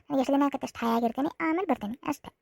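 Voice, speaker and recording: A woman's voice: sits high, racing, vocal fry, darkish tone, dry recording, clean studio sound. A woman voicing a spoiled, sulky young wife in a cartoon comedy, with a North Karnataka accent, whining and repeating her complaints. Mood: indignant. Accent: North Karnataka Kannada. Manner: whiny, complaining, repeats herself.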